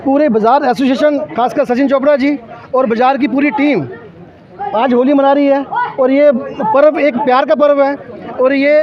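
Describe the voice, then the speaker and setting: A man with a very high voice speaks cheerfully at an outdoor market festival. The sound is dull and slightly lo-fi. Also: fairly even intonation, normal speed, crowd noise. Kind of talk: street interview.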